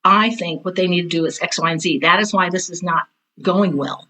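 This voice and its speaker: The older woman's voice is fairly low, brisk and sharp as she talks casually as a guest in an interview. She teaches theater and writes books, describes herself as intense and direct, and emphatically repeats her phrases.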